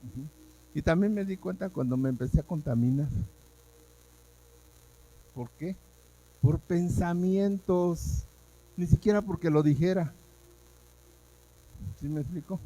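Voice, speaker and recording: A man's voice: a little high, a little slow, long pauses, warm tone, rough recording. A man, a pastor giving a sermon at a church service, telling his own testimony with feeling and acting out what he once said. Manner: emotional storytelling, acting out his own past words.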